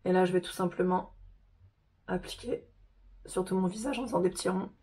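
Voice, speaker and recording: A woman hosting a casual makeup tutorial, chatty and informal, her voice hoarse from a sore throat. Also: lowish voice, fairly even intonation, fairly quick, a little mellow.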